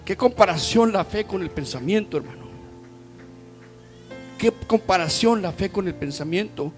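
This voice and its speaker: A man preaching a sermon, swinging from loud urging to hushed, near-whispered passages and calling his listeners brother. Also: high-pitched, animated, moderate pace, faint music behind. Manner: addresses listeners as "hermano".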